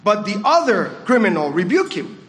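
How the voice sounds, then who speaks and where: A man with a Puerto Rican accent leads a reflective communion meditation at a church service, putting questions to the congregation. His voice is high and fairly bright, swinging widely in pitch at a moderate pace.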